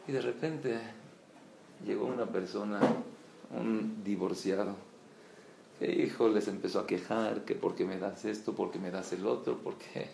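A man, a religious teacher giving a storytelling sermon and acting out the quoted dialogue with lively shifts in voice. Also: a little slow, vocal fry, background noise. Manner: animated, acts out quoted dialogue with rising pitch. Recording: echoey room with faint background ambience.

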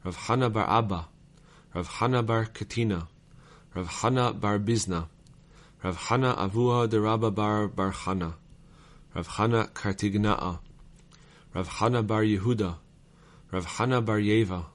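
A man with a fairly low voice recites a long list of names. He keeps an even, methodical rhythm from one name to the next. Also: unhurried. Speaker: reader.

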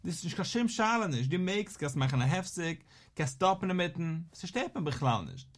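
A man giving a Talmud lesson, talking quickly in a rising and falling study chant. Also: high-pitched, lively intonation. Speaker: Talmud teacher.

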